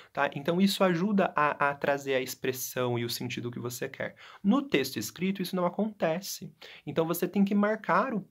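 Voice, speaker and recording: A man teaching a lesson to students, explaining patiently and often checking in with short tag questions. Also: on the high side. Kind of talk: classroom lesson.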